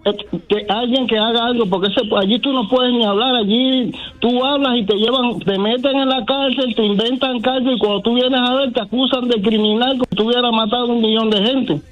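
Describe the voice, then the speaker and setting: A man's voice: very high voice, steady tone, brisk, a bit bright, highs cut off, a little hiss or hum. A man calling into a radio show, indignant and emphatic. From Cuba. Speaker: caller. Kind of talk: call-in radio talk.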